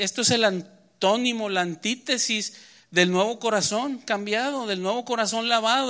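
Bright-voiced preacher giving a sermon. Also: male voice, sits high. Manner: expressive, shifts between quiet reading and emphatic rises.

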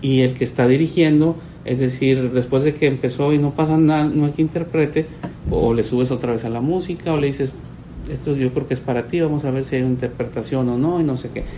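A man, a pastor teaching his church in a relaxed, storytelling way. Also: medium pitch, a little fast, a little hiss or hum, low-quality recording. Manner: conversational, storytelling, voices quoted people.

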